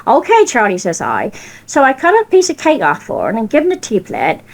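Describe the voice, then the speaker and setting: Older woman, broad Cornish West Country accent, high-pitched, very varied intonation, informal storytelling, re-enacted dialogue. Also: fairly quick. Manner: broad dialect, animated re-enacting of conversations. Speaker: storyteller of personal anecdotes. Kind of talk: informal anecdote telling with acted-out dialogue.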